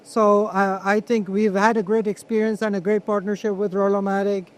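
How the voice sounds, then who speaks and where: A man being interviewed as a manufacturer, explaining products conversationally in a halting way, with repeated words. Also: high voice, little pitch movement. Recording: clear ambient noise on location.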